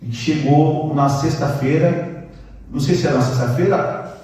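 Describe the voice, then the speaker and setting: A man's voice: on the high side, a little slow, a crowd in the background. Brazilian male preacher, conversational testimony style, recorded from a distance in a reverberant church hall. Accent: Brazilian Portuguese. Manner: chatty, addresses the congregation directly as brothers. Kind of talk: sermon with personal testimony. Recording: echoey hall, distant mic, faint noise.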